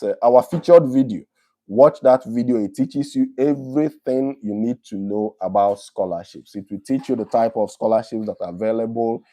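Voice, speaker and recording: A man from Nigeria with a Nigerian accent, hosting a live stream and reading out viewer questions before answering them in a relaxed, conversational way. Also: lowish voice.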